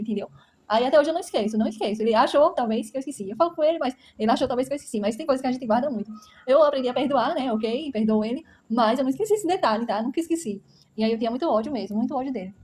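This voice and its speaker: Young woman, vlogger, rapid blunt testimony with a warm, fairly high voice. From Brazil. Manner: blunt, emphatic storytelling with frequent "entendeu?". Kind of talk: personal testimony to camera.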